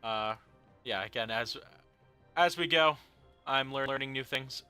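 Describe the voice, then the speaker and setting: A young man talks through a video game at his home setup, rambling and joking between fillers. His tone is sharp and very bright, and faint game music plays under him. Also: mid-range voice, unhurried, smooth. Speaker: let's play host. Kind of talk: casual gameplay commentary.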